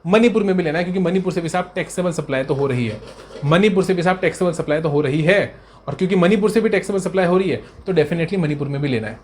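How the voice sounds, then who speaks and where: A man tutoring accountancy students in a brisk revision lecture. He repeats key points and answers his own questions in a student's voice. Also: a little high, a little hiss or hum. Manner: fond, coaxing tone toward students.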